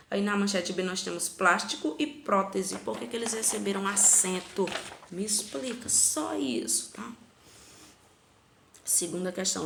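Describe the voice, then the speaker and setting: Brazilian woman teacher, slightly gravelly, patient step-by-step explainer, echoey room. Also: mid-range voice, a bit bright. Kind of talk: recorded grammar lesson. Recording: echoey room with faint background noise.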